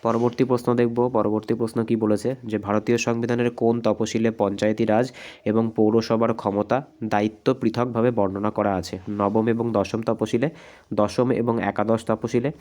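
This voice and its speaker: A man with a hoarse voice from a cold, teaching an exam practice lesson and explaining answers step by step. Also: fairly low pitch, little pitch movement, normal speed, darkish tone. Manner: explanatory, repeats "ঠিক আছে?" often.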